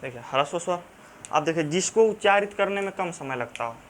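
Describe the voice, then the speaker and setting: A man with a Banarasi accent teaching a grammar lesson in a fairly high voice. He goes over each term again and again, stops to ask if the class is following, and fills his pauses with drawn-out sounds. A faint hiss runs under the recording. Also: lively intonation, fairly bright tone. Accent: Banarasi Hindi. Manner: repeats key terms, checks in with "theek hai"; halting, many fillers and restarts.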